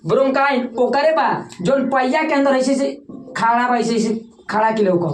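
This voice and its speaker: Woman teacher, Bhojpuri-tinged Hindi accent, fairly high voice, drills terms and quizzes the class, echoey room with faint noise. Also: moderate pace. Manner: repeats key terms and quizzes students for answers. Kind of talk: classroom lecture.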